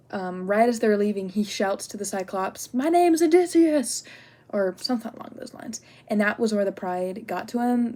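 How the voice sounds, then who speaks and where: A woman's voice: mid-range voice, warm tone. Chatty young woman student, filler-heavy. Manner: chatty, lots of "like" and "um"; candid, gets worked up retelling personal story. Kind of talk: casual spoken assignment response.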